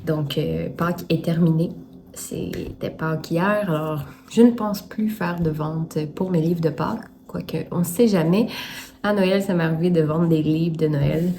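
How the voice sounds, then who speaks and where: A woman's voice: on the low side, dark tone. A woman with a Quebec French accent, a self-published children's book creator chatting casually to camera as she shows her books. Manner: chatty, thinks aloud, showing books to the camera. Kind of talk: casual vlog talk to camera.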